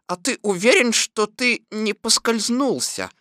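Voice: medium pitch, big pitch swings, normal speed, pushed and bright, no echo, clean studio sound, voice pushed up. A reader voicing a fussy, self-important male rabbit who talks solemnly. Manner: reasoning, solemn, bossy.

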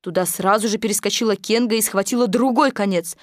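A woman's voice: medium pitch, fast, no room sound, clean studio sound. Woman reading a storybook aloud. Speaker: narrator.

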